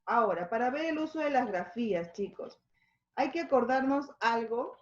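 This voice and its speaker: Female Peruvian teacher, mid pitch, explains patiently; echoey, muffled home-recorded lesson. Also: expressive, moderate pace. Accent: Peruvian Spanish. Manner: explanatory, checks in with frequent tag questions. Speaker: schoolteacher.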